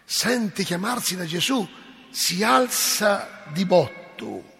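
A man's voice: high voice, very animated, slow pace, vocal fry, a bit bright, long reverb tail, faint music behind. A male preacher telling a gospel story to his congregation, acting out the voices and asking them questions. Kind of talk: sermon. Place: church.

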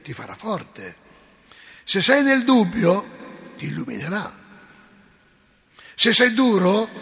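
A parish priest preaches a fervent sermon, scolding and joking by turns. His voice is gravelly and husky and sits fairly high for a man. It rings out with the long reverb of a church. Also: fairly bright tone. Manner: impassioned, scolding, folksy asides.

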